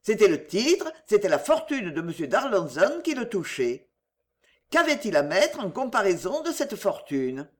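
Expressive woman reading a novel aloud. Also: medium pitch, normal speed. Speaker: narrator. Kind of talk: audiobook narration of a classic novel.

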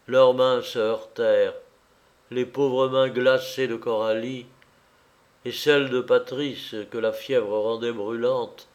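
A man narrating a novel as an audiobook in a measured, dramatic way. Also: medium pitch.

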